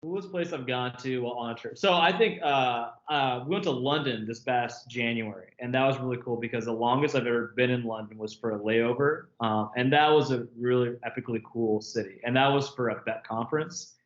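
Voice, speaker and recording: A man's voice: mid-range voice, fairly quick, hardly any pauses. A man of about thirty, an interview guest in casual chat, talking with lots of filler words and frequent laughs over a remote call. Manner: chatty, laughs often, many filler words. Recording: echoey, muffled call audio.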